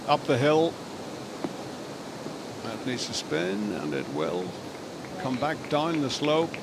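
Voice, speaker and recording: A man's voice: a little high, sing-song, slow, vocal fry. A man giving live golf commentary as a tournament commentator, calling shots as they happen. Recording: loud crowd and wind outdoors. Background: outdoor tournament ambience, crowd noise.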